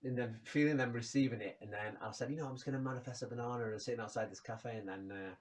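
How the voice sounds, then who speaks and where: A man rambling frankly and casually about his low mood, swearing freely. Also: steady tone, quick pace, recorded from a distance. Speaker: vlogger. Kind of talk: casual personal rant to camera.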